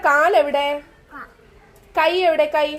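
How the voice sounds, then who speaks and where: High sing-song mother talking to her toddler. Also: flat delivery, slow pace, slight background noise. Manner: sing-song baby talk, playful questions to a toddler. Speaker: mother filming her child. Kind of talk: home vlog, coaxing a small child.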